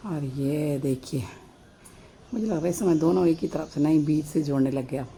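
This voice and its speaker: A woman from Uttarakhand with a Pahadi Hindi accent, vlogging from her sunny rooftop balcony on a phone camera, keeping her voice low and soft so she does not scare the birds. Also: fast, creaky, slight background noise. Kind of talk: casual vlog narration. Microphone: phone camera held by the speaker.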